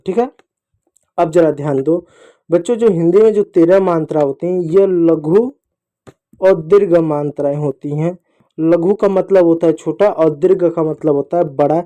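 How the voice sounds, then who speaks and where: A man's voice: on the high side, warm tone. A man teaching young children a lesson, patiently repeating each sound and asking and answering his own questions. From India.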